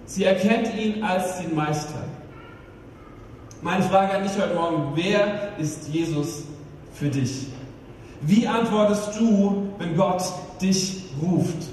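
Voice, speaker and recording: Male pastor, high voice, emphatic sermon delivery; distant mic, long echo, faint noise. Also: darkish tone. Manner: emphatic preaching, rhetorical questions, slows down for emphasis. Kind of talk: Easter sermon.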